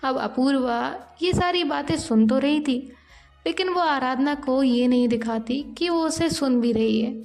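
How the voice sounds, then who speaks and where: A woman's voice: high-pitched, unhurried, darkish tone, faint music behind. A woman narrating a romance story in a casual, chatty way, speaking directly to her listeners.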